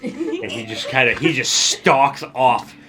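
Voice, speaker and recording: A man's voice: mid-range voice, huge pitch swings, slow. A man working as game master, telling the story of a tabletop game in a casual, improvised, conversational way.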